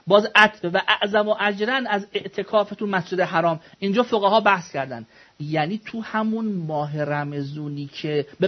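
High-voiced man teaching a class. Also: muffled recording. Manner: explains word by word, asks students questions, jokes. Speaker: religious studies teacher. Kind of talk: classroom lecture explaining texts.

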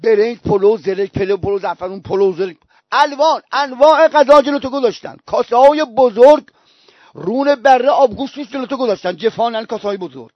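A man's voice: very high voice, no echo. A male preacher delivering a sermon, telling stories with emphatic repetition. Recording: dull, dry recording.

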